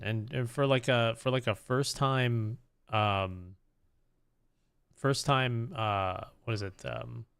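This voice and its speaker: With a clean, medium-pitched voice, this livestream host talks casually to his audience. His chat rambles and hesitates, and he frequently says things more than once.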